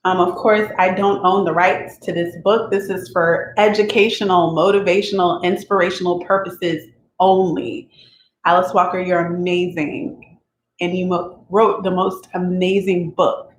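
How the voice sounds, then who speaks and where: A woman's voice: fairly low pitch, flat delivery, unhurried. A woman hosting a book-reading channel, talking casually and emotionally at home and tagging her sentences with "okay?". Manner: chatty, tags sentences with "okay?"; emotional, openly expects to cry. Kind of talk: casual chat before reading aloud. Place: at home with her cat nearby. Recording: echoey room, faint noise.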